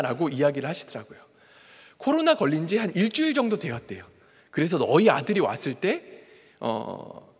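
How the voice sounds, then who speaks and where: A man's voice: sits high, husky. A man preaching a sermon as a pastor, telling a personal story and acting out the quoted dialogue. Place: large church sanctuary. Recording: long church hall reverb.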